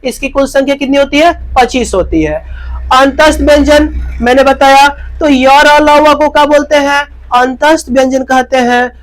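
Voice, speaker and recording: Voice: high-pitched, moderate pace, poor audio. Teacher drilling by question and answer. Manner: asks questions and answers them, repeats key terms. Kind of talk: exam-focused grammar lesson. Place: beside a teaching board.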